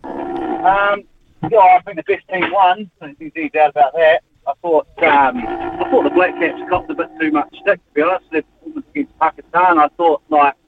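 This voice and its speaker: A man's voice: a little high, very animated, normal speed, gravelly, noisy background. A man from New Zealand with a New Zealand accent, calling in to a sports radio show on a hands-free car speakerphone from his work van, talking in an easygoing, rambling way. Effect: car speakerphone over a phone line. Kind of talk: casual phone-in chat. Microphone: hands-free Bluetooth in a vehicle. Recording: tinny phone line from a moving car.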